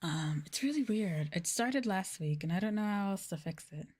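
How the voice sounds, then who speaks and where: An expressive woman's voice, medium in pitch and a little mellow with a breathy edge, comes at normal speed. This VTuber chats casually and softly with her viewers, rambling informally and frequently saying "like" and "y'all."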